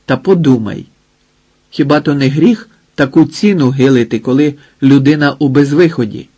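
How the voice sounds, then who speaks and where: A brash young man, loud and insolent, with a slightly husky edge, voiced by a male narrator. He scolds with easy contempt. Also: mid-range voice, lively intonation, measured pace. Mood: angry, scolding.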